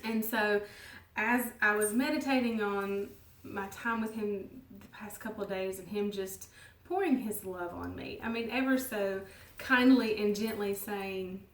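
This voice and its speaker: A woman giving an earnest, gentle devotional teaching, at times dropping her voice very low. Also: fairly even intonation, unhurried. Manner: gentle and earnest, soft laughs, drops to near whisper. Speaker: ministry leader. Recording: roomy sound from a distance.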